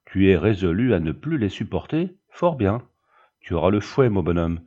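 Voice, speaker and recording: A man's voice: deep voice, sing-song, moderate pace, warm tone, muffled recording. A man voicing a brutal, coarse man of about thirty-five who bullies and threatens. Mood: threatening. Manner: bullying, threatening.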